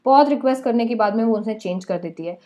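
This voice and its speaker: A woman's voice: fairly high pitch, mellow, dull audio. A young woman teacher casually retelling a play to her class, chatty and full of asides. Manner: chatty, mixes in English words, quick asides to students.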